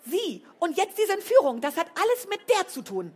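A woman reading a storybook, voicing a fierce, upset boarding school girl in a high, shrill voice that rises to shouting. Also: big pitch swings, unhurried, husky. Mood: furious.

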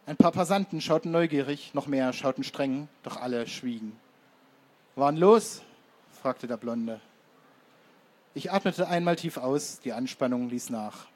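A man narrating an audiobook in first person with measured, even storytelling. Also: medium pitch.

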